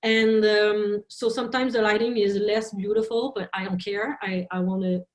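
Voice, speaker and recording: A woman film director, a native French speaker, speaking English in an interview, halting and searching for words. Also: mid-range voice, steady tone. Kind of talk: interview talk in a second language. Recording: roomy echo.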